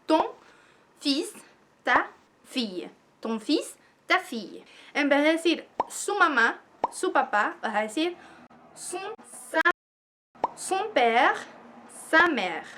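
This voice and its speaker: A woman teaching a French grammar lesson on video, who slows down to spell out and repeat each example. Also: sits high, very animated, noisy background.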